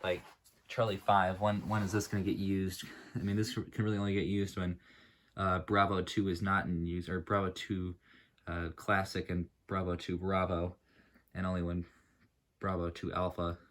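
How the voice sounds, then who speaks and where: A young man with a low, deep voice rambles through a casual walkthrough of his model airport build, filling pauses with "uh" and often correcting himself. His throat sounds sore and dry, and his delivery is flat with a slightly bright tone.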